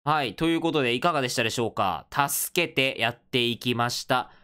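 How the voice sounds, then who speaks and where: A man casually commenting on a horror game he is playing, excitable and yelping when scared. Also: mid-range voice, brisk, clean tone, faint music behind. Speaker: gaming video host. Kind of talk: casual let's-play commentary.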